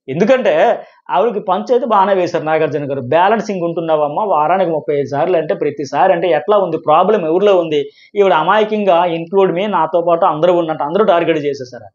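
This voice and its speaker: A middle-aged man with a Telugu accent delivers a reality-show review at a breakneck pace. His voice sits high and he keeps firing rhetorical questions. The recording has a dull, muffled lo-fi quality. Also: a little mellow. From India. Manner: rapid, argumentative, rhetorical questions. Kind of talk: fast opinionated commentary. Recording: dull lo-fi sound.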